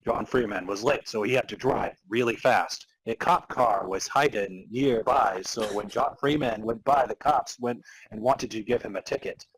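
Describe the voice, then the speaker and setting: Reading fan fiction aloud as narrator, a man speaks at medium pitch and a moderate pace with few pauses. He is a podcast host putting on a mock-serious, dramatic storytelling voice, and the audio quality is poor.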